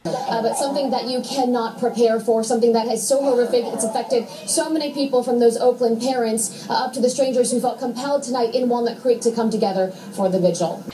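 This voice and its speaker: A female news reporter speaks fast in a high but mellow voice, serious in delivery. She sounds a little distant, in a roomy echo. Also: steady tone.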